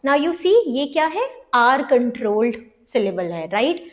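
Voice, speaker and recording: Slow high-voiced Indian woman teaching phonics. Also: big pitch swings. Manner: mixes Hindi and English, asks "right?" often. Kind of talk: online phonics lesson.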